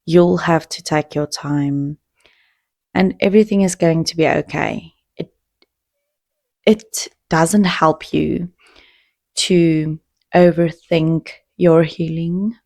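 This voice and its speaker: A woman hosting a solo podcast, speaking slowly with a low, gravelly fry in her voice. She talks in a heartfelt, reflective way, pausing and restarting as she goes. The sound is dry and close. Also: steady tone, darkish tone, dry recording. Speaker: podcast host. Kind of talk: casual solo podcast talk.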